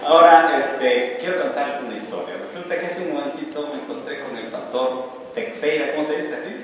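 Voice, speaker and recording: Pastor guy telling stories in a sermon, kinda high voice, big echoey hall from far away. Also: fairly quick, slight background noise. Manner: warm anecdotal, acts out dialogue. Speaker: pastor and guest speaker. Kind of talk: sermon with storytelling.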